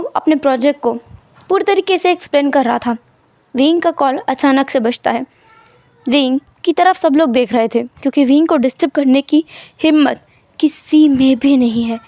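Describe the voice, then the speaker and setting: A woman retells a fan story in a loose, conversational manner. Her voice sits high, and the recording is dry and close with no room sound. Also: a little mellow, dry recording. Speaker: story narrator.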